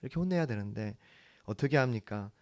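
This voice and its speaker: A man preaching a sermon as the church's pastor, earnest, swinging from hushed lines to emphatic ones. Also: medium pitch, expressive, fast.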